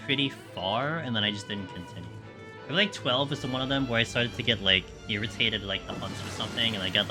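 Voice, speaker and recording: A young man on a livestream headset mic, chatting casually and rambling with lots of fillers while he plays a game. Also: medium pitch. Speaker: game streamer. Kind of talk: casual live commentary while playing. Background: loud game music.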